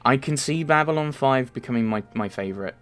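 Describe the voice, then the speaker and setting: In a medium-pitched, slightly bright voice, a young Merseyside man talks fairly fast as he fields viewer questions. His voice-over is casual and rambling, filled with ums and self-corrections, over faint game music.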